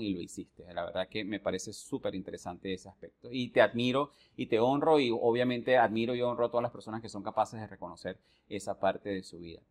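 A man from Venezuela hosting a podcast interview, speaking in a reflective, earnest way with long, building sentences. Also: on the low side. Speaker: podcast host. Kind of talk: conversational interview.

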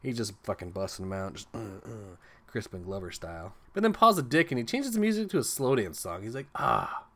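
A man's voice: lowish voice, expressive, fairly quick, bright, forceful tone. A man doing a comedic, profane recap of a horror movie, full of sarcastic asides. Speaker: movie review host.

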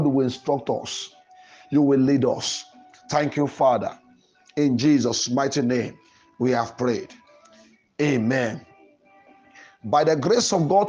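A male pastor and programme host delivers a Pentecostal sermon and prayer in an emphatic, declamatory style, repeating his phrases. His voice is mid-range with a darkish tone, and the lo-fi recording has music playing behind him.

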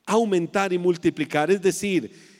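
High-voiced preacher in a reverberant hall. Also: male voice. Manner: earnest, slows down to stress key phrases. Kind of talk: sermon.

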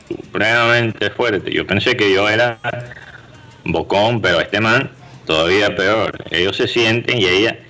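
Lively storyteller man. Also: fairly low pitch, rough recording. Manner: animated storyteller, acts out voices. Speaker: podcast co-host. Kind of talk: casual storytelling chat.

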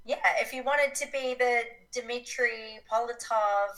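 Bright-voiced woman with a smoker's rasp. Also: a little high, steady tone, unhurried, low-quality recording. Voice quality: raspy, rough voice like a smoker's rasp. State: voice recovering from sickness. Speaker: podcast guest. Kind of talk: casual interview chat.

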